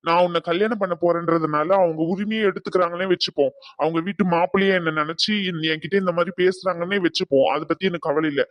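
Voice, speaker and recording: A man's voice: high voice, no echo, lightly acted. A man voicing a stern young groom in a cartoon drama who lectures and defends his sister.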